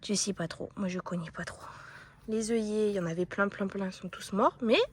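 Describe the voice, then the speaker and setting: A woman's voice: medium pitch, brisk, breathy edge. A woman chatting casually to her handheld camera at home and in her garden. She rambles, laughs often and pokes fun at herself. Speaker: lifestyle vlogger. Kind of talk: casual vlog chat to camera.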